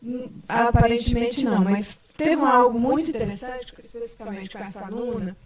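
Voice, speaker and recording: A woman's voice: fairly high pitch, a little fast, darkish tone. Woman teacher rambling a story w lots of fillers, sounds far off in a roomy space. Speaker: special education teacher. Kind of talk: panel talk show answer. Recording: echoey room, far from mic.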